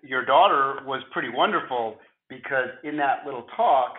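Gravelly, hoarse man in an echoey room. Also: medium pitch, normal speed, narrow, tinny audio. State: hoarse from flu. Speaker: interview guest, futurist at a film studio. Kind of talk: conversational interview.

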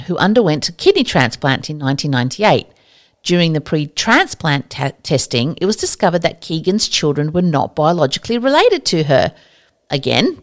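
A woman hosting a podcast, explaining science in a casual, chatty, enthusiastic monologue that drifts into asides. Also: on the low side. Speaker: podcast host.

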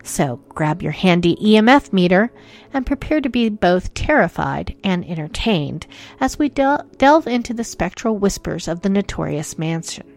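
A woman's voice: medium pitch, very animated, normal speed, vocal fry. A woman hosting a ghost-story show, narrating scripted spooky tales in a playful, theatrical horror-host manner.

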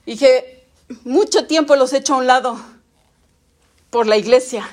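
A woman's voice: high-pitched, normal speed, darkish tone. A middle-aged woman preaching a sermon as a prophet, emphatic and repetitive, stacking up lists and laughing at herself.

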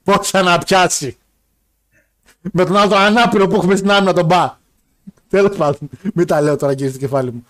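A man's voice: high-pitched, a bit bright. A young man co-hosting a casual show, joking, laughing and rambling while he reads out listener messages. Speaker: podcast co-host reading listener messages. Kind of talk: casual banter about wrestling and football.

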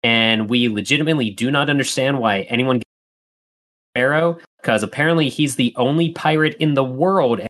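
A man's voice: medium pitch, moderate pace, fairly bright tone. A man chatting loosely as a podcast co-host on a desk mic, his audio randomly cutting out. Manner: rambling, loose, self-correcting. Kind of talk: casual chat. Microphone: desk microphone over a video call.

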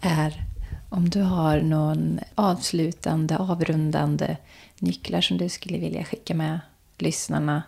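A woman hosting a podcast interview, speaking gently and calmly. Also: sits low, gravelly, slightly rough. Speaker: podcast host.

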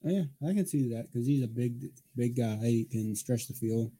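A man's voice: mid-range voice, lively intonation, normal speed, mellow, breathy edge. A man co-hosting a casual sports chat, laid-back and jokey, mostly giving short replies. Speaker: podcast co-host.

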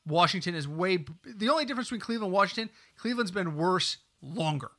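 A man's voice: high voice, expressive, quick pace, pushed and bright. A man co-hosting a podcast, chatting casually and telling rambling jokey stories at a desk mic in a small studio. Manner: chatty, joking, rambling storyteller. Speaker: podcast co-host. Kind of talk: casual chat. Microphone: desk mic, sometimes off mic.

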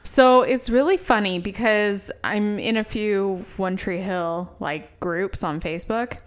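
A woman's voice: medium pitch, measured pace. A woman co-hosting a podcast, giggly and teasing in casual chat. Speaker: podcast co-host.

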